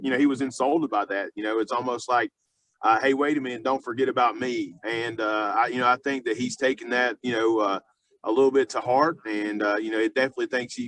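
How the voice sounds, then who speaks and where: Halting male football coach in an interview. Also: mid-range voice, a bit bright, low-quality recording. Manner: halting, filler-heavy, repeats and restarts phrases often. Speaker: high school football coach being interviewed. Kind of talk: spontaneous sports interview.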